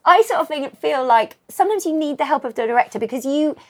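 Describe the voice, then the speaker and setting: Lively, laughing woman voice actor. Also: sits high, quick pace. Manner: laughs often, lively and self-mocking. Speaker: voice actor and illustrator, guest. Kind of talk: casual interview chat.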